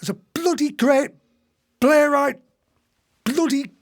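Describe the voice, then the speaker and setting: Slow and exaggerated, a very high male voice plays the part of a retired husband in a radio play. The older actor portrays a long-winded, disillusioned old socialist, full of indignation and exasperation.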